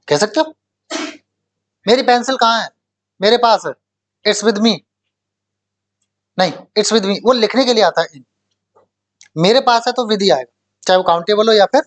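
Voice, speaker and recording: A man's voice: high voice, animated, measured pace, pauses often, fairly bright tone. A male English teacher lecturing a classroom, explaining patiently, repeating points and asking the class rhetorical questions.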